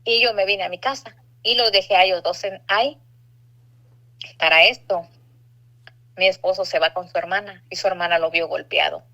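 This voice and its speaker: A woman's voice: on the low side, normal speed, long pauses, sharp tone, poor audio. A middle-aged woman from Mexico, earnestly telling a personal testimony and acting out the dialogue. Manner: earnest, confessional, acts out dialogue. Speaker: testimony speaker.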